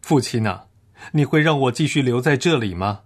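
A man's voice: mid-range voice, animated, normal speed, breathy edge. A man voicing a tearful, repentant young son in a parable, pleading and unsure. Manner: pleading, fearful.

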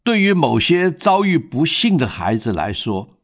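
A man narrating a moral story in a measured, reflective manner. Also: on the high side, big pitch swings.

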